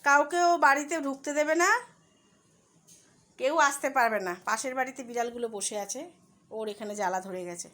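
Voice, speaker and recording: A woman at home filming her dog, coaxing and soothing it with gentle baby talk. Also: on the high side, fairly quick, pauses often. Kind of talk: casual home vlog. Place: home, indoors. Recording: loud dog barking behind her.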